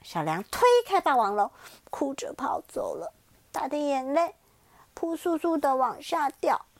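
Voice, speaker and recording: Woman, bedtime storyteller, gentle, high, lively intonation. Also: measured pace, no room sound. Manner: gentle, expressive reading.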